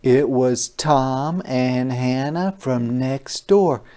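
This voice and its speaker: Drawing out words in a medium-pitched voice, a storyteller animatedly reads a picture book to kids. Playful, wondering asides to the young audience make it an interactive read-aloud.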